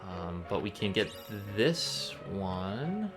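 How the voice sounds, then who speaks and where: A man's voice: deep voice, big pitch swings, takes it slowly. A man giving conversational live commentary as a game streamer, with a touch of mock drama. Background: game music.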